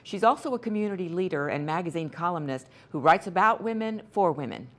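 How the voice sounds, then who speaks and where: Deep-voiced woman hosting an interview. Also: lively intonation, brisk. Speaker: talk show host. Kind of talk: conversational interviewing. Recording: clear background noise and ambience.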